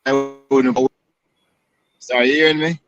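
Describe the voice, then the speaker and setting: A man, a football coach, calling in over an online connection that keeps breaking up, halting and checking whether he can be heard. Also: medium pitch, steady tone, muffled recording, over music. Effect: breaking-up online call connection. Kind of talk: remote call-in interview. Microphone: phone or video call from a moving car.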